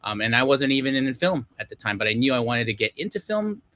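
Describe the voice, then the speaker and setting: Fast and sing-song, this man's medium-pitched voice comes across as pushed and bright, with no room sound. He's a middle-aged film director from Los Angeles, United States, talking casually as a guest over a video call in an interview. He rambles, packs in fillers, and makes self-deprecating laughs.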